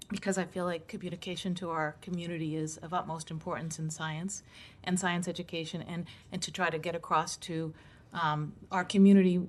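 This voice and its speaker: A woman giving an earnest, explanatory podium speech at a public meeting, halting as she finds her words. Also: sits low, slight background noise. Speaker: applicant, science educator.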